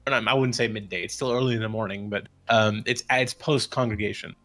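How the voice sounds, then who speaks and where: A man narrating as game master of a tabletop game, relaxed, with many fillers. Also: lowish voice, quick pace.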